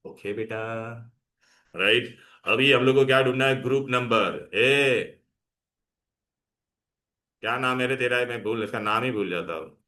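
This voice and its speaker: A man's voice: mid-range voice, measured pace, long pauses, bright, forceful tone. A man teaching chemistry in a classroom, coaxing his students along and mixing in English terms. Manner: coaxing, calls students "beta", mixes Hindi and English. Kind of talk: classroom lecture.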